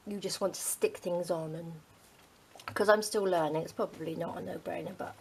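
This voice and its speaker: The craft channel host, a middle-aged Englishwoman, talks in a lowish, gravelly voice with fairly even intonation and a moderate pace. Her casual, rambling chat is full of ums and often fades to a soft, near-whispered murmur while she crafts. There is a faint hiss under the audio.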